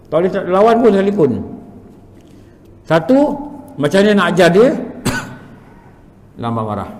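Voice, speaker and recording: A man's voice: a little high, a little mellow. A man teaching a religious evening lecture in a Malaysian Malay accent, asking rhetorical questions and answering them himself. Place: prayer hall. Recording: echoey hall, livestream.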